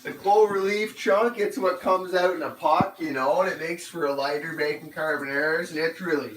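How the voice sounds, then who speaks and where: A man's voice: on the high side, normal speed, fairly bright tone, a little hiss or hum, low-quality recording. Rambling man hosting a cooking stream. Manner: rambling, easygoing, explains each step. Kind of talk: casual cooking demonstration.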